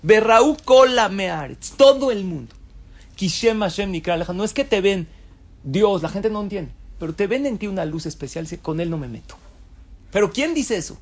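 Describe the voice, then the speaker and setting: A man's voice: high-pitched, expressive, fairly quick. A man giving a Torah lecture, throwing rhetorical questions at his audience and answering them himself. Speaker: rabbi lecturer.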